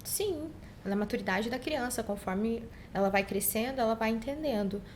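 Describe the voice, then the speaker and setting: A woman with a Brazilian accent, a psychologist guest on a podcast, speaking in a calm and affirming way. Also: a little high, moderate pace, a little hiss or hum. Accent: Brazilian Portuguese. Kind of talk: casual interview chat.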